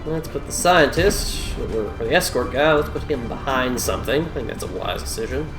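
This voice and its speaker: A man's voice: medium pitch, expressive, normal speed. A man doing casual gameplay commentary, muttering and thinking aloud as he plays. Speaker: gamer playing and commenting. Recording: roomy echo, game music behind. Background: video game music.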